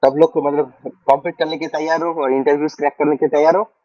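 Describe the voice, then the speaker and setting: A young man leads a relaxed online coding class, chatting with lots of fillers and checking that everyone follows. His voice sits fairly high. The sound is dry and a little dull, like audio from a video call. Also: quick pace, dry recording. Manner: chatty, full of fillers, checks in with students often. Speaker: programming teacher. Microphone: computer mic on a video call.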